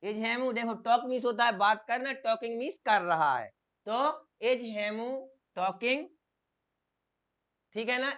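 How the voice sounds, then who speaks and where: English teacher guy, clean smooth voice, keeps asking the class the same thing over and over. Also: extremely high pitch, pushed and bright. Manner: drills by asking and repeating questions. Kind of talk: classroom grammar lesson.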